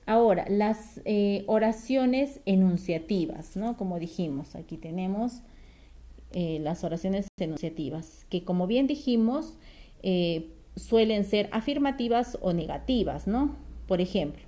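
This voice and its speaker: Patient woman teacher, mellow voice. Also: medium pitch, expressive. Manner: patient, checks in with frequent "¿sí?" and "¿no?"; slow, careful explaining with fillers and restarts. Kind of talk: grammar lesson for children.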